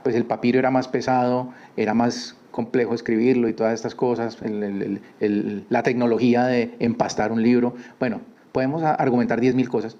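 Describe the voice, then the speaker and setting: A man's voice: medium pitch, little pitch movement, brisk, hardly any pauses, dark tone, lo-fi sound. A man from Colombia who teaches a weekly Torah portion in a conversational way, often repeating words and asking listeners rhetorical questions. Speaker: Bible study teacher.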